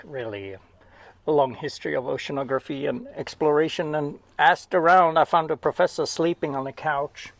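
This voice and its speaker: In a casual interview chat from a small cabin, a Swedish-accented oceanographer from Sweden, middle-aged, rambles and jokes at his own expense, laughing and starting over. He has a gravelly voice of medium pitch.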